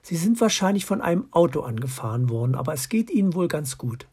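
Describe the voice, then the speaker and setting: A caring mother fox talks in a calm, reassuring way, as a man reading a storybook puts her on. Her voice is pitched up from the reader's own and has a breathy, husky texture. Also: fast talker, full character voice.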